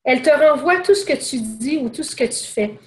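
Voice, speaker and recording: A calm, wise father gently explaining life to his son, as a woman trainer puts him on in a story. The voice stays close to her own speech and sits a little high. The tone is patient and explaining. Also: fairly quick.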